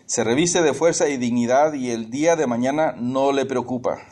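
A male preacher delivers a sermon in a relaxed, conversational way. He teases the congregation and keeps asking them questions, in a voice of ordinary middle pitch. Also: normal speed.

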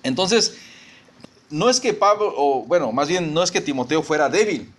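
A man's voice: a little high, lively intonation, normal speed. A middle-aged man, a pastor preaching a conversational sermon and often restarting his sentences.

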